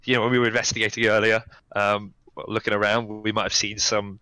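A man's voice: on the low side, level tone, fast, bright, forceful tone, smooth, no echo, low-quality recording. A man, playing in a tabletop game, chatty and thinking aloud as he plans. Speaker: player. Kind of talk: casual tabletop game chat.

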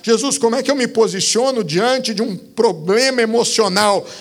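A man's voice: very high voice, normal speed. A man preaching a sermon, exhorting his listeners with rhetorical questions and calling them brother.

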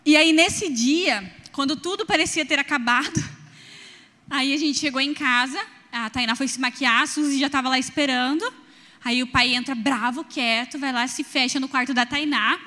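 Young Brazilian woman preacher, high and bright, animated storyteller, church hall reverb. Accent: Brazilian Portuguese. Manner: animated storytelling, addresses the congregation directly. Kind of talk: sermon with personal stories.

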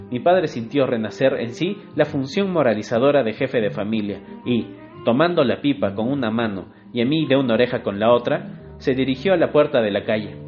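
A man narrating a literary short story in a measured, expressive reading. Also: mid-range voice. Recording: dull lo-fi recording. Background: faint guitar music.

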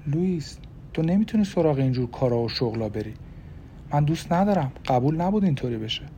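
A man's voice: fairly high pitch, animated, dark tone, a little hiss or hum. A man voicing an anxious, tearful young wife in an audiobook, with fearful, pleading questions. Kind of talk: audiobook character voice.

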